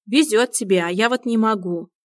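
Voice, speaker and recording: A woman's voice: mid-range voice, moderate pace, no room sound, lightly acted. Brief: a lovesick, flustered man read by a woman, raised and pleading, dry audiobook sound. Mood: exasperated. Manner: agitated, raised, pleading delivery. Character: flustered grown man, shy in love.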